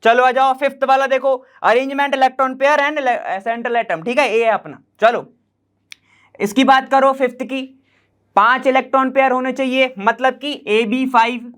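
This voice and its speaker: In an online lecture, a chemistry teacher with a very high-pitched, fairly bright voice and fairly even intonation explains while sketching on a board. He keeps it casual and chatty, regularly making sure students keep up and slowly repeating key terms.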